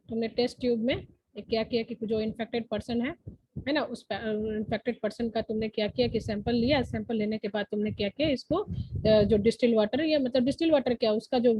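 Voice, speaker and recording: A woman teaching an online class in a high, somewhat husky voice. She explains patiently, step by step, and keeps asking whether the students are following. The sound is close and dry, with no room around it. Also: dry recording, lo-fi sound. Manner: explains step by step, asks checking questions.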